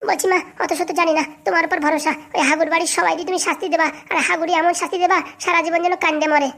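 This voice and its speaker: A tearful young cartoon wife whines and complains in a very high, squeaky voice. Her words tumble out in a rapid, breathless rush. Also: little pitch movement, vocal fry, pushed and bright, heavily acted. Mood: aggrieved. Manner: whining, complaining. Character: whiny tearful young married daughter. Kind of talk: cartoon voice acting.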